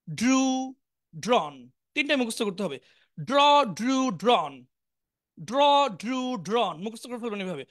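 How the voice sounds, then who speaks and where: Woman, Bangladeshi accent, online English teacher, somewhat high voice, patient repetition. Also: a bit bright. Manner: drills words slowly and repeats each form. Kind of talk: online spoken English lesson.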